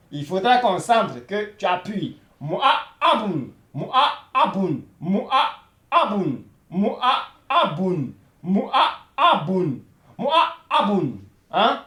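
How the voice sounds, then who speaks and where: Patient male language teacher, unhurried and roomy, drilling words again and again. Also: high voice. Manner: repeats words slowly, many "voilà" fillers. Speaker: Arabic teacher. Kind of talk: beginner language lesson.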